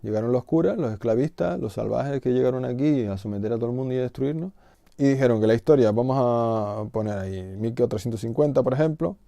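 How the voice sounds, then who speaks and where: A man's voice: medium pitch, quick pace, creaky, warm tone, no room sound, studio quality. A middle-aged man with a Canarian Spanish accent, talking in a casual explanatory monologue as the host of his own video. He sounds indignant and fires off rhetorical questions.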